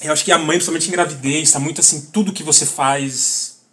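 A man's voice: on the high side, fairly even intonation, fast, a bit bright. A father speaking in casual chat, reflective and loose, with many fillers. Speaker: father and podcast guest.

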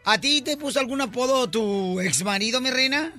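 A Mexican man hosting a comedy radio show, playfully ribbing his co-hosts. His voice sits very high, and music plays under him. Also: lively intonation, moderate pace, sharp tone. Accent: Mexican Spanish. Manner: teasing, playful, drops his voice for punchlines.

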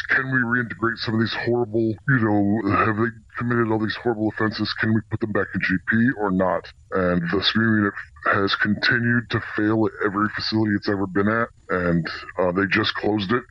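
A man working as a corrections officer answers radio interview questions in a plain-spoken, halting way, his voice disguised to sound deeper. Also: steady tone, dry recording, dull audio. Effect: voice disguised to protect anonymity, deepened. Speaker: corrections officer, senior officer specialist.

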